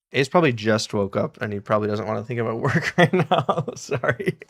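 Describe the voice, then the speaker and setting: A man with a medium-pitched, slightly bright voice hosts a laid-back live stream as he repairs electronics. Soldering away, he chats with viewers, greets and thanks them, and laughs frequently.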